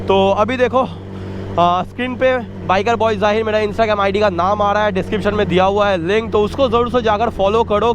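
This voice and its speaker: A young man chatting casually to his viewers while riding a motorcycle, slipping English phrases into his talk. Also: sits high. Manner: chatty, addresses viewers directly, mixes English phrases into Hindi. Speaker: motorcycle vlogger. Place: outdoors on a motorcycle in city traffic. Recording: outdoor traffic noise behind the voice. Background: street and vehicle noise.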